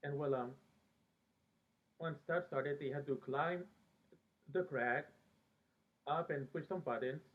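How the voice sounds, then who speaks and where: A Peruvian-born man who later moved to America rambles casually about a TV show he remembers, his voice a little high and his delivery very hesitant, with frequent pauses mid-sentence. He's a fan vlogger, and the audio sounds thin and band-limited, like a phone.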